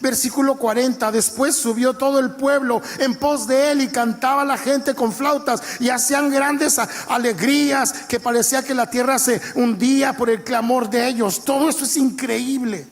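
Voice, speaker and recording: A man preaches in a church, retelling scripture as a lively story. His voice sits high for a man. He slips into the characters' lines with plenty of animation. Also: normal speed, few pauses. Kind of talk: sermon.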